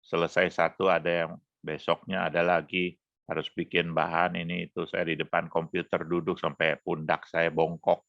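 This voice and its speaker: A hoarse male pastor teaching an online session, coaxing answers from participants with questions. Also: deep voice, level tone, moderate pace, dry recording, dull audio. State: hoarse throat. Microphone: online meeting mic.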